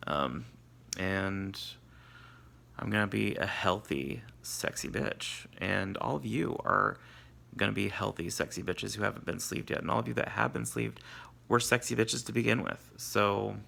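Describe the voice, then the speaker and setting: Groggy, gravelly man, post-surgery. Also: lowish voice, unhurried, bright, forceful tone. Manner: candid, self-deprecating, salty-tongued. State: groggy, sore after surgery. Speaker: vlogger. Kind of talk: casual confessional video diary.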